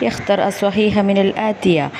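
Unhurried online-class teacher, plain mid voice, explains each phrase, noisy recording. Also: medium pitch, steady tone, darkish tone. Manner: reads text lines, then translates phrase by phrase.

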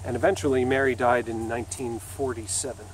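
A man's voice: mid-range voice, steady tone, fairly quick, slight background noise. A man in his thirties narrating a casual walking vlog outdoors, talking into a camera held at arm's length, chatty and loose, thinking aloud with fillers. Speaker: video host exploring ruins. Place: outdoor woodland trail by a river.

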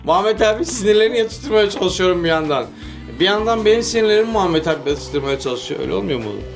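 A man with a fairly high voice runs a gameplay session, firing off eager coaching and rapid cheers. He laughs a lot and keeps the tone playful. Loud game music plays behind him the whole time. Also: expressive, gravelly. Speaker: gaming channel host. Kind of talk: casual gameplay commentary.

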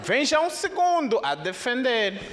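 A young man with an Angolan Portuguese accent performing a stand-up comedy set on a theater stage, speaking into a handheld microphone. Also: a little slow. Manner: animated, jumps into high squeaky put-on voices. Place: theater stage with live audience.

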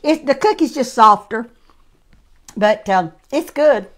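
A woman walks through a recipe in her home kitchen. Her voice sits a little high, and her talk is chatty and halting, full of restarts. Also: animated, heavy background noise. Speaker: cooking show host. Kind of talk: casual home-kitchen demonstration.

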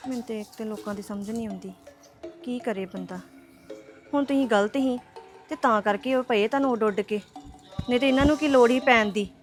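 A woman's voice: fairly high pitch, a little fast, long pauses, faint music behind, lightly acted. A woman plays a young wife who soothes and placates her upset relatives. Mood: placating. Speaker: daughter-in-law. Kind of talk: family web series acting.

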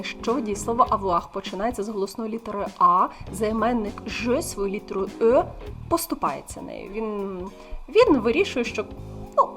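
A woman French tutor, a native Ukrainian speaker, explaining grammar and slowly drawing out model pronunciations. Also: mid-range voice, fairly bright tone. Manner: slow, drawn-out model pronunciations. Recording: faint background music.

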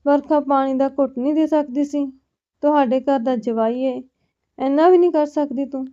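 A woman's voice: high voice, fairly even intonation, moderate pace, mellow, highs cut off, natural voice. A woman voicing a reproachful sister-in-law in a storybook reading. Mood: scolding. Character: scolding sister-in-law siding with her husband.

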